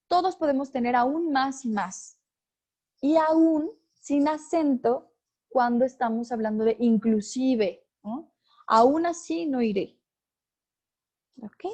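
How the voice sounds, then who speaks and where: A woman's voice: fairly high pitch, a little mellow. A woman teaching a class, explaining step by step and often checking in with her students. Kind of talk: online class lecture.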